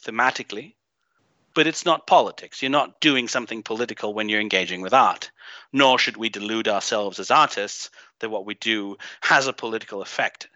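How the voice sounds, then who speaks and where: A man raised in Greece appears as a guest on a casual podcast interview. He talks bluntly and swears, with lots of ums and restarts. His fairly low voice is brisk and sharp, and the recording is dry and slightly muffled with no room sound.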